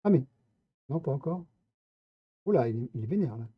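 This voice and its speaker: A man's voice: mid-range voice, lively intonation, brisk, husky, no room sound. A man giving casual gameplay commentary, chatty and playful, talking straight to his viewers. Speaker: streamer. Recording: tinny phone-like, dry sound.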